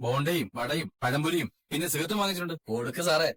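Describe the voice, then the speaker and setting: A man's voice: a little high, rapid-fire, fairly bright tone. A man voicing a cagey informant who sells his information slyly, in a fan dub of a TV serial. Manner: sly, bargaining. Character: cagey, scheming tea-shop informant man.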